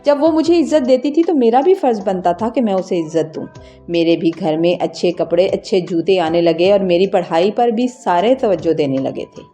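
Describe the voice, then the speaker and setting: A woman's voice: mid-range voice, warm tone, faint music behind. A woman narrating an emotional first-person story in an earnest, scripted way.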